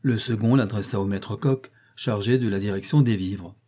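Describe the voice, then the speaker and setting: A man reading a nineteenth-century short story aloud, with expressive, theatrical narration. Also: fairly low pitch, normal speed. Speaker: audiobook reader.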